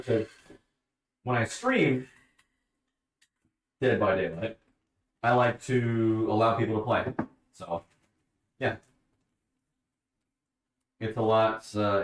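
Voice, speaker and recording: A livestreamer chats casually from a bathroom with a bathtub at his home, answering questions from his chat. His mid-range voice is picked up from a distance, so the room sounds echoey.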